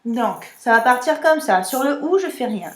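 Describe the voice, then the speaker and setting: A woman's voice: a little high, lively intonation, normal speed, reverberant. A woman singing teacher explaining a vocal technique exercise and demonstrating vowel sounds with her own voice.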